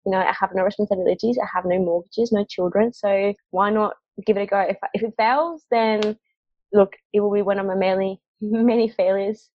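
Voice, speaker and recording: A young Mexican woman, founder of a marketing agency, is a guest on an interview and chats casually with frequent laughs and fillers. Her medium-pitched voice is steady in tone and a little fast. The call audio is dry, dull, and lo-fi.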